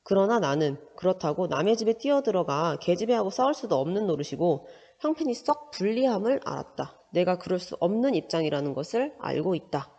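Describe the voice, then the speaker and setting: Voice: mid-range voice, big pitch swings, brisk, mellow. A teacher reads a short story aloud and stops often to explain it, asking the listener little questions along the way. The sound is dull and lo-fi, and a long reverb trails after each phrase. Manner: explains with frequent rhetorical check-in questions. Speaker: Korean language teacher.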